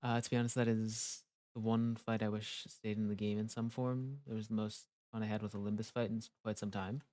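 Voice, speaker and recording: A man's voice: lowish voice, little pitch movement, a little mellow, dry recording, studio quality. A man reading a game story aloud with casual commentary, often stumbling and interrupting himself. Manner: halting, stumbling, self-interrupting. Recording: faint music behind the voice. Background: faint music.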